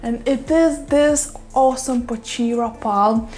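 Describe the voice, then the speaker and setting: A woman with a strong Russian accent chats to her camera at home. Her voice sits a little high. She talks loosely and laughs easily, filling gaps with "you know" and "right?". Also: fairly even intonation, slow pace, a little mellow, faint music behind. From Lithuania. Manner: chatty, laughs often, says "you know" a lot. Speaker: plant vlogger. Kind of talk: casual vlog chat. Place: home room with plants.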